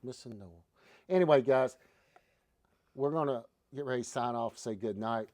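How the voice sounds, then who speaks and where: A man hosting a casual livestream, talking in a folksy, relaxed way. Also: mid-range voice, normal speed, dry recording, studio quality. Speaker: show host.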